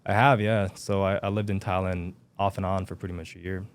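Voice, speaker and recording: Low-voiced young man, hesitant speech. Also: little pitch movement, fairly quick. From Japan. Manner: hesitant, many fillers and restarts. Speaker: podcast guest. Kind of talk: casual interview chat.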